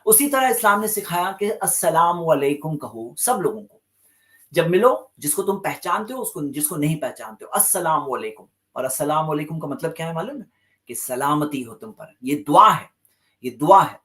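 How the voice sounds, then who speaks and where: Emphatic male religious lecturer, lively pitch. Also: moderate pace. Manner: emphatic, repeats key phrases for stress; mixes English terms into Hindi speech. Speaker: Islamic lecturer.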